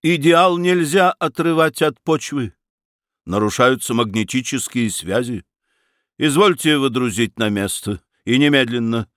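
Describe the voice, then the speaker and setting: A man voicing an imperious mystic count who speaks in a slow, grandiloquent, ironic way. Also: mid-range voice, lively intonation, a bit bright, no room sound, clean studio sound. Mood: stern. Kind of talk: audiobook character voice.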